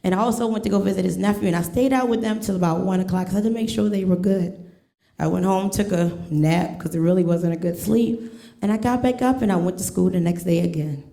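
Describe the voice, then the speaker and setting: A woman's voice: on the low side, quick pace, creaky, warm tone. A woman teacher telling a personal story on stage, earnest and emphatic, leaning on repeated refrains. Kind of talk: live storytelling. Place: museum event hall with audience. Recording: echoey room.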